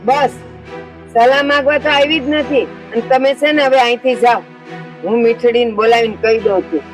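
A woman's voice: on the high side, fairly even intonation, moderate pace, faint music behind. An older woman, acting as a scheming, scolding mother-in-law in a village family drama. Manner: scolding, domineering.

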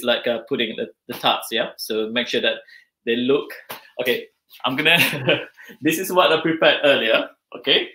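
This man in his forties has a mid-range voice with a sharp edge, and the recording is rough. He's hosting a casual live cooking demo from his home kitchen, chatting while he works and thinking out loud with plenty of filler words. A video call camera picks him up as it moves around the kitchen.

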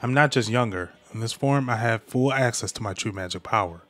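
A man's voice: mid-range voice, brisk, a bit bright, faint music behind, lightly acted. A man reading as a smug young sound-magic villain.

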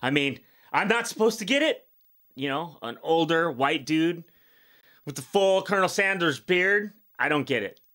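A man's voice: a little high, animated, moderate pace, bright, forceful tone. A man in his fifties hosting a reaction video, talking bluntly and rambling in a casual way with many fillers. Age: 50s.

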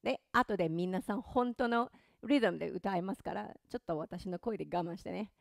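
In a singing and pronunciation lesson, a woman with a gravelly, medium-pitched voice keeps a brisk pace and jokes self-deprecatingly about how she sounds. She stays encouraging and playful throughout, recorded in clean studio sound with no echo.

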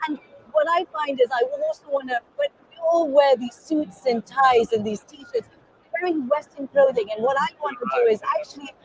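A woman's voice: high voice, vocal fry, slight background noise, low-quality recording. A middle-aged woman from Kenya, talking enthusiastically as an interview guest at an indoor expo booth. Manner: animated, enthusiastic, gesturing while talking. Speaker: guest artist. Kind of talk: casual interview.

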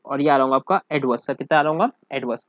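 A man's voice: mid-range voice, quick pace, a bit bright, dry recording. A man teaching a casual accounting lesson, working the sums out aloud and keeping on asking his students if they follow. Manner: keeps calling the listener sir and asking check questions; works sums aloud in mixed Hindi and English. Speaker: commerce teacher. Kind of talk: casual classroom lecture. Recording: dull, dry, muffled recording.

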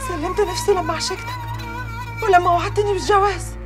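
An actress playing a young Egyptian servant woman who was betrayed, given to wailing laments and sharp scolding, in a TV drama with a music score. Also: very high voice, steady tone, quick pace. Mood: shocked, pleading.

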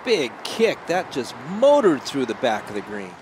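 A man's voice: medium pitch, wildly swooping pitch, moderate pace. A man commentating on live golf as an analyst, in conversational, technical, clipped phrases. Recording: clear outdoor course noise behind.

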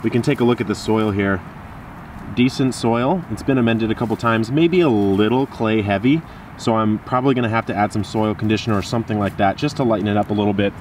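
A man's voice: lowish voice, fast talker, a little mellow. A man in his thirties hosting a casual garden tour vlog, talking straight to a camera held close to his face, chatty and upbeat. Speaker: gardening channel host. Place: outdoor front and side yard garden by a street, then a garden shed. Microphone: handheld camera close to face. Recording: outdoor street noise audible.

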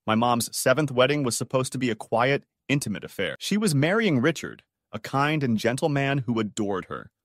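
A man narrating stories in a dramatic, scripted way. His pitch rises and falls a lot, and the sound is close and dry with no room in it. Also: lively intonation, moderate pace, hardly any pauses, fairly bright tone, dry recording. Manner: dramatic storytelling. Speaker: storyteller.

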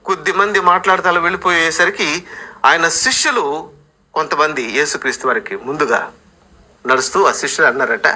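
A male pastor preaching a sermon, telling the story in an animated way. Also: on the high side, brisk.

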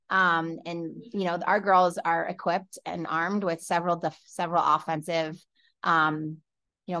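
A woman in her forties, a head coach, answering press questions over a video call from an office, measured and full of fillers and restarts. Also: lowish voice, a bit bright, no room sound. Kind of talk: postgame press conference answers. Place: indoor office with large window. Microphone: laptop webcam on video call.

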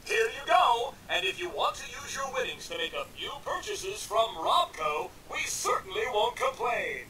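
A man voicing a boisterous male robot game show host in a video game, with booming showman patter. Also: sing-song, normal speed, pushed and bright, distant mic, a little hiss or hum, heavily acted, low-quality recording. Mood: showman hype. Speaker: game character.

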